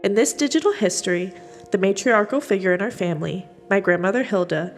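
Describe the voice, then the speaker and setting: Calm woman narrating a family history. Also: mid-range voice, fairly quick, soft background music. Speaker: interviewer and narrator, granddaughter. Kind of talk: scripted narration and interview questions.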